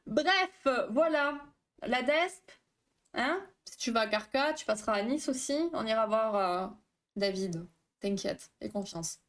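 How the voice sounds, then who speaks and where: A woman therapist hosting a live stream, chatting casually with viewers, reading the chat aloud, talking fast and tripping over her words. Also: on the high side, animated, fairly bright tone.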